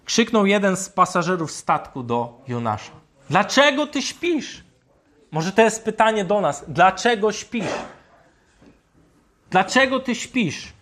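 A man preaching a sermon, speaking deliberately and asking his listeners rhetorical questions. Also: high voice, fairly bright tone.

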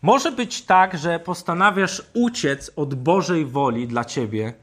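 A man preaching a sermon, speaking deliberately and asking his listeners rhetorical questions. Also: a little high.

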